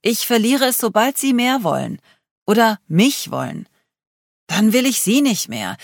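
A man's voice: high-pitched, gravelly, fairly bright tone, no room sound, studio quality, heavily acted. A reader voicing a sarcastic young man who pours out his despair in an audiobook. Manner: raw, increasingly despairing outburst. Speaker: character in an audiobook. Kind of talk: audiobook reading.

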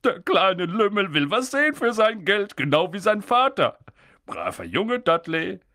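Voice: mid-range voice, big pitch swings, unhurried, pushed and bright, dry recording, clean studio sound, voice pushed up, exaggerated voice. Narrator doing a blustering threatening uncle. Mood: jovial. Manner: gruff and threatening. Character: blustering red-faced uncle, a man.

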